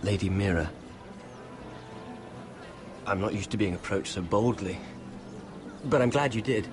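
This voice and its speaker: A man's voice: fairly low pitch, measured pace, lightly acted. An actor playing a shy, self-effacing nobleman in a video game, hesitant, polite and apologetic. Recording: music behind the voice.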